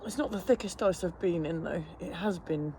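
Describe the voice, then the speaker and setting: A man's voice: high voice, moderate pace, warm tone, a little hiss or hum. A man chatting casually to camera in a rambling, matter-of-fact, self-deprecating way while enduring icy water. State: cold-stressed, sitting in icy water. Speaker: fitness instructor vlogger. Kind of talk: casual chat to camera during a cold plunge. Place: outdoors in an ice bath.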